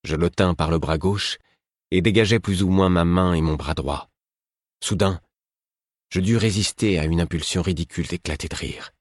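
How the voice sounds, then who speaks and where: A man narrates a story in the first person with a very low, husky voice. His reading is measured and grave, recorded close on the mic in a dry, dead room. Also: no echo. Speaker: audiobook narrator.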